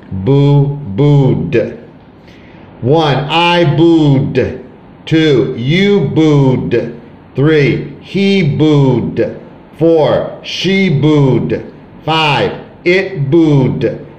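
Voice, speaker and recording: A man's voice: mid-range voice, darkish tone, echoey room, dull audio, slight background noise. A man teaching an English spelling lesson, sounding out letters and drilling verb forms in a chant. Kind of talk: classroom phonics lesson.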